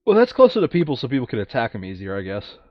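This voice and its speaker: Racing along at medium pitch, this tabletop player's voice swoops wildly as he chats casually, muttering counts and thinking aloud through each move. The audio is muffled and has no room sound.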